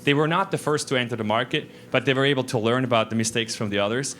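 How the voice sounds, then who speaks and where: A Swiss man gives a casual technical talk at a conference in a lecture room, speaking fast in a mid-range, slightly bright voice and often restarting or using fillers.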